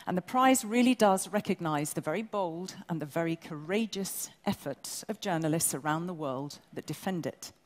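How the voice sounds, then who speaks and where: A woman from England presenting an awards ceremony on stage, brisk, bossy and joking with the audience. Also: on the low side, lively intonation. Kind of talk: live stage hosting. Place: large event hall. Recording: long hall reverb.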